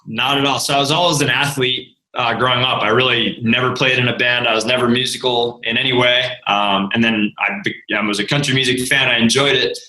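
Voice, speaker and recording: A man's voice: medium pitch, fairly even intonation, fairly quick, few pauses, bright, forceful tone, reverberant, rough recording. A man in his thirties from Rhode Island, a country radio DJ chatting easily as a guest and telling stories with frequent laughs. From Rhode Island, USA. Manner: easygoing storyteller, laughs often. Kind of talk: casual interview chat.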